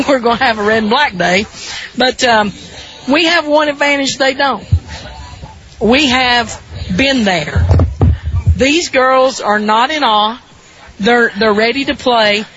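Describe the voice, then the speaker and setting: Southern woman calling softball, dull broadcast sound. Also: fairly high pitch. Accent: Southern American. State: weak voice. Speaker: sports broadcaster. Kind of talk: pregame softball commentary, folksy and conversational.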